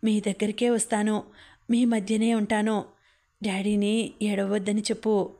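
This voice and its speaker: A woman reading the lines of a gravely ill young woman in a weak, gentle, halting way. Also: mid-range voice, little pitch movement, close to an everyday voice. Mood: tender, weak.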